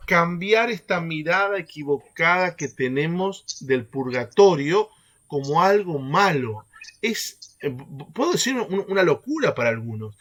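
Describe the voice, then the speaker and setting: Lively man leading a faith workshop. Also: on the high side. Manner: animated, keeps checking in with the group through rhetorical questions. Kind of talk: teaching a catechesis workshop.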